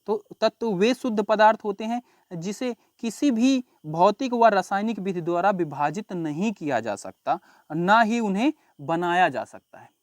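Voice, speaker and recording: A man's voice: high-pitched, animated, measured pace, no echo, clean studio sound. A man teaching a science lesson in a casual classroom style, repeating key terms and quizzing his students as he explains. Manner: chatty, calls students bhai and babu log.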